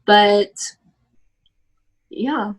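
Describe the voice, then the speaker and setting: A Texan woman in her twenties answers oral history interview questions in a mid-range voice at an extremely slow pace. She speaks casually, leaning on "like" and "um" and often restarting her sentences.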